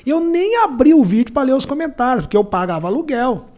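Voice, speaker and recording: A Brazilian entrepreneur and former beach water vendor, appearing as a podcast guest, tells a personal story in colloquial, emphatic talk, acting out the dialogue. His voice is extremely high, sing-song, fast, and darkish.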